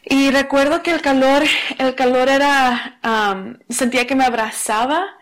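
A young woman preaching a Wednesday service sermon in an earnest, conversational way, with many fillers and restarts, slowing down to read scripture. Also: high voice, fairly even intonation. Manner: slows to read scripture aloud.

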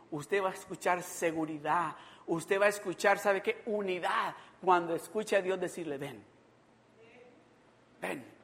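A woman pastor preaching a Sunday sermon, building to fervent near-shouts. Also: low voice. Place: church sanctuary. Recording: hall reverb.

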